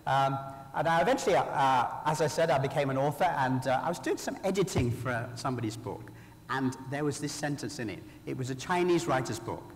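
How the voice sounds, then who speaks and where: A man with a Sri Lankan accent giving a humorous, anecdotal talk as an author, with wry storytelling and pauses before punchlines. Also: medium pitch, expressive. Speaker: author speaking at a conference. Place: large hall, live talk to an audience. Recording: very echoey hall with long reverb.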